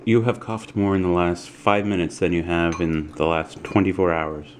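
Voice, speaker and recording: A man, a father filming a family home vlog in the kitchen, talking in a dry, deadpan, teasing way. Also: deep voice, moderate pace. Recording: noisy home camera audio.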